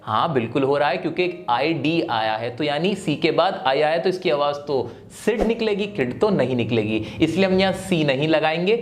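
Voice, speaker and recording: A man's voice: a little high, lively intonation, moderate pace, hardly any pauses. Man explaining spelling rules. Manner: explains step by step with rhetorical questions. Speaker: teacher. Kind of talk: spelling lesson video.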